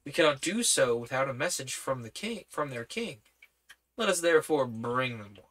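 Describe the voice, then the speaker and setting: Man reading as a bold, bright-voiced hero. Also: medium pitch, sing-song, normal speed. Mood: resolute. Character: bold, gallant earthman hero and leader. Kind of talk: audiobook character voice.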